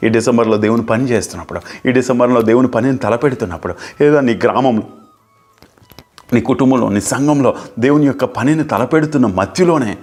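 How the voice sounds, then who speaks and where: A man's voice: medium pitch, brisk, darkish tone. Male pastor, fervent repetitive preaching style, mid-range voice. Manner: fervent, repetitive preaching, rising and falling emphasis. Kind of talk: sermon.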